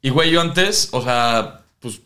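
A man with a Mexican accent, chatting casually on a podcast and telling animated stories full of slang. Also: mid-range voice, a little slow. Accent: Mexican Spanish. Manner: slangy, animated storytelling, says "güey" constantly. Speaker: podcast co-host. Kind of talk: casual chat.

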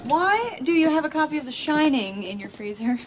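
A puzzled young woman in a sitcom, questioning a friend with skeptical surprise. The voice is high and swings widely. A faint hiss sits behind it. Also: big pitch swings, moderate pace. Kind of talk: sitcom acting.

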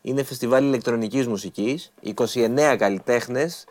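A man's voice: mid-range voice, a little mellow. A young man co-hosting a casual studio chat, chatty and teasing, laughing easily as he presents upcoming events. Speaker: co-host presenting event picks.

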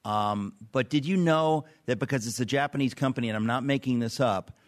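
A man's voice: mid-range voice, fairly quick, no room sound, clean studio sound. A man speaking as a talk radio host.

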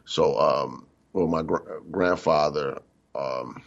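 Deep-voiced man preaching conversationally. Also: takes it slowly, creaky, dull audio. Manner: conversational, emphatic, acts out quoted voices. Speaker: minister. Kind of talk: spiritual teaching talk on radio.

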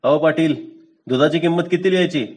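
A man's voice: a little high, fairly quick, darkish tone, pitched above the performer's own voice, lightly acted. A man voicing a lazy but shrewd small-town police constable, offhand and bossy.

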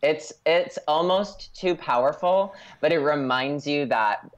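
A man's voice: a little high, a little slow. A man chatting casually as a podcast guest, playfully mock-earnest, on a slightly dull recording. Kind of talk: casual comic chat.

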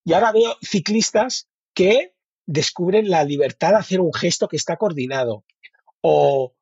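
A man's voice: high voice, expressive, normal speed, a little mellow, husky, dry recording, muffled recording. A man from Spain with a Spanish accent, a bike fitting expert talking keenly in an interview, often repeating and restarting words. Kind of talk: casual interview talk.

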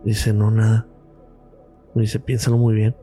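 A man's voice: lowish voice, monotone, a little slow, warm tone, soft background music. A man with a Mexican Spanish accent, a radiologist guest on a podcast, tells a story and acts out the quoted dialogue.

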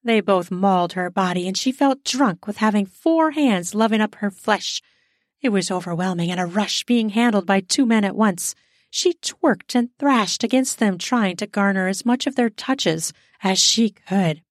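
A woman narrating an erotic audio story in a smooth, steady storytelling manner. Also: medium pitch, normal speed, no room sound, clean studio sound.

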